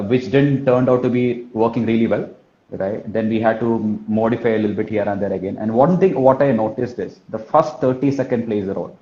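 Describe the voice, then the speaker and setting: His voice is warm and mid-range: a Kerala man speaking Indian English with a Malayali accent, coaching informally the way a telesales trainer would. Repetition drives his emphasis, and checking questions like "right?" and "you know what I mean?" pop up often. The recording has a roomy echo and sounds dull and muffled.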